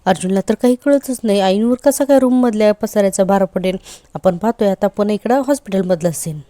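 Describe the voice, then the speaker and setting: A woman recapping a television serial episode, retelling it in a lively way and quoting the characters. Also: mid-range voice, fairly quick, dry recording. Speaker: serial reviewer.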